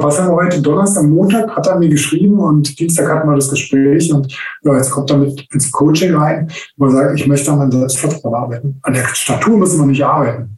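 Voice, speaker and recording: A man, coach type, lively storyteller who acts out his quotes, slightly higher voice, roomy and a bit off-mic. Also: distant mic. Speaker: coach and trainer. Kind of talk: conversational interview. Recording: roomy sound, a little off-mic.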